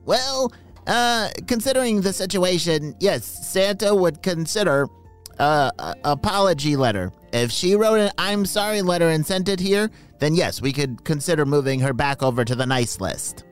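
A man voicing a polite, helpful elf in a kids' story podcast, a little lower than his own voice. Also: lively intonation, moderate pace, clean tone, faint music behind, lightly acted.

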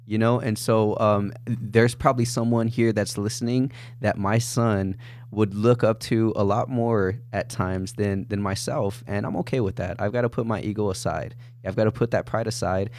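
Male guest with a lowish voice, humble and relaxed, talking as a dad. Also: normal speed. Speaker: podcast guest. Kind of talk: casual interview talk.

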